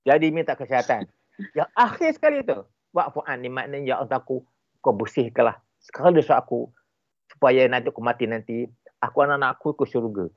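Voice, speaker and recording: A man with a Malaysian Malay accent, a relationship expert giving animated, emphatic explanations in an interview. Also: mid-range voice, fairly quick, no echo, dull audio. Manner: animated, emphatic, repeats points for effect.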